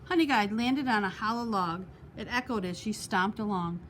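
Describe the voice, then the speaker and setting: As a storytime host, a woman reads a children's picture book aloud expressively. Her voice is mid-range and her pace moderate, with a little hiss or hum in the audio.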